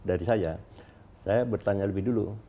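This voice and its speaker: Dark-voiced male acting teacher. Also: fairly low pitch, normal speed. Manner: explains patiently, acting out examples. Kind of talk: studio talk-show guest.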